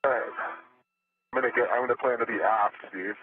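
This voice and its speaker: A man working as an astronaut on a spacewalk, giving terse, calm radio calls over a crackly, breaking-up space-to-ground link. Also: medium pitch, a little fast. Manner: terse, calm call-and-response. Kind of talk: clipped radio procedure talk. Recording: noisy narrow-band space radio.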